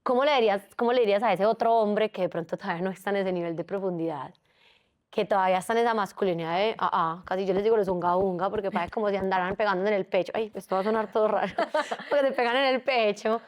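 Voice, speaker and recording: A woman's voice: mid-range voice, fast talker. A woman, a psychologist co-hosting a casual interview, who talks animatedly and acts out the people she quotes. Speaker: psychologist, podcast co-host.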